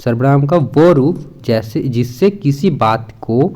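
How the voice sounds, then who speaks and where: A man's voice: medium pitch, animated, slow pace, dark tone. A man teaching an exam-prep grammar lesson in a chatty way, repeating points and mixing in English words.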